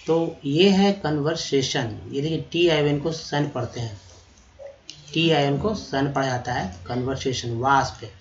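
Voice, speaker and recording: A man teaching vocabulary, spelling words out letter by letter, repeating them slowly and calling his viewers friends. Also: a little high, dull audio, a little hiss or hum. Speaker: English teacher. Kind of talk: vocabulary lesson.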